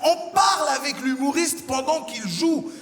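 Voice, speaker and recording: A man doing stand-up, speaking straight to the audience in a sing-song, often shouted way. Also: extremely high pitch, unhurried. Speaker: stand-up comedian. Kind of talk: stand-up routine. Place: large concert hall. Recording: hall reverb with music behind.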